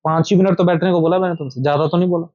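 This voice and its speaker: A man's voice: a little high, steady tone, racing, no echo, muffled recording. A man teaching meditation to a small group in an informal talk, repeating his points and speaking straight to his listeners. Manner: repetitive, instructive, addresses listeners directly. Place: indoor meetup room.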